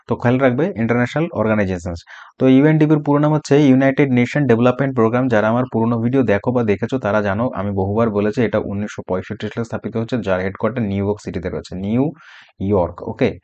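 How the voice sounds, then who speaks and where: A man's voice: fairly low pitch, very fast, a little mellow, muffled recording. A man teaching a casual exam-prep lesson, going through quiz answers and checking in with his students often. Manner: explains quiz answers with frequent checks like "okay?".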